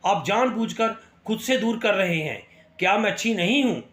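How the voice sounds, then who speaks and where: A man's voice: high voice, animated, normal speed, fairly bright tone, roomy sound. A man voicing a pleading young bride in a spoken story, with little change from his narrating voice.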